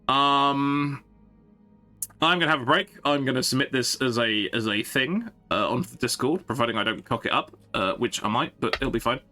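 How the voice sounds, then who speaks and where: A man's voice: medium pitch, normal speed, sharp tone, soft background music. A man chatting casually on a game live stream, rambling and thinking aloud to his viewers.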